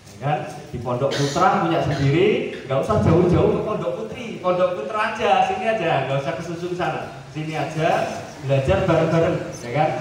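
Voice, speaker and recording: A man's voice: on the high side, moderate pace, slight background noise. Joking Javanese-accented man in echoey hall. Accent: Javanese-tinged Indonesian. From Central Java, Indonesia. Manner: joking, animated, drops into playful mock dialogues. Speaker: guest speaker at a seminar. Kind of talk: lively seminar talk. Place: large hall at a boarding school. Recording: echoey hall recorded from far off.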